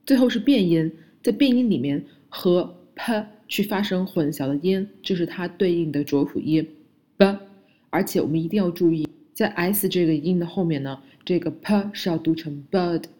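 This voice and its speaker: A woman teaching English pronunciation, modeling words clearly one by one for the listener to repeat. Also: lowish voice, moderate pace, mellow. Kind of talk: slow, deliberate phonics lesson.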